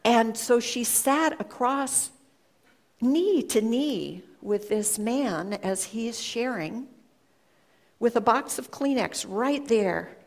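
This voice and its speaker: A woman giving a reflective storytelling talk to an audience, speaking in an earnest, measured way with pauses. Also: on the high side, lively intonation. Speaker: speaker sharing a personal story.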